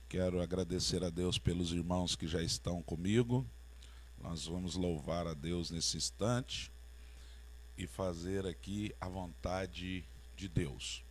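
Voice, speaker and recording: Male pastor, deep voice, opens an online Bible study and leads prayer. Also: slight background noise. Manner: speaks directly to online viewers, earnest prayer.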